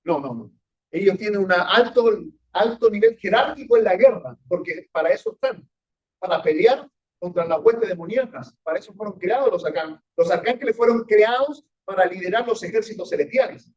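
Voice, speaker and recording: The man's voice is high, expressive, and brisk with a breathy edge. As a pastor teaching a Bible class in a church meeting room, he speaks emphatically with sharp rises and falls and asks the congregation frequent questions. The sound is dull lo-fi church audio.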